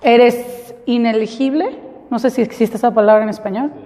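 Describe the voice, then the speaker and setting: A woman English teacher giving a classroom lesson in Spanish, drilling students slowly and clearly with repeat-after-me prompts. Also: on the high side, warm tone, long reverb tail.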